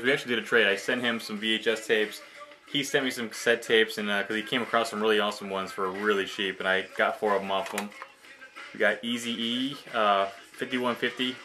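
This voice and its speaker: Bright and forceful, a young man's lowish voice carries an enthusiastic, casual vlog in which he shows off a collection. He's slangy and swears often, and the recording is amateur.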